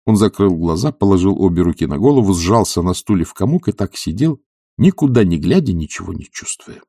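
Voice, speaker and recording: A man narrating an audiobook in an expressive, lively style. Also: low voice, fairly quick, slightly rough, dry recording, studio quality. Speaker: audiobook reader. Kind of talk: scripted narration.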